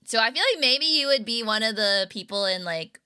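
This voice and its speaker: A woman's voice: a little high, animated, a little fast, pushed and bright, clean tone. A young woman streamer chatting casually with her viewers, rambling and giggling with lots of fillers. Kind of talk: casual livestream chat with viewers.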